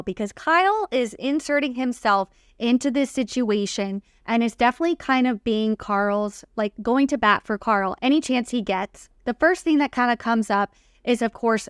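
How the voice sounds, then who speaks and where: A woman's voice: a little high, clear, resonant tone, no room sound, clean studio sound. A woman co-hosting a reality TV recap with casual, opinionated commentary in informal, slangy phrasing. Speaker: podcast co-host recapping reality TV.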